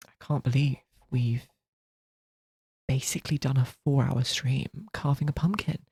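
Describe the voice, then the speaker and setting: Husky, half-whispering male streamer. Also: medium pitch, steady tone, measured pace, no room sound, studio quality. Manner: half-whispered, soft-spoken, rambling with restarts. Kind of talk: casual live-stream chat while carving a pumpkin.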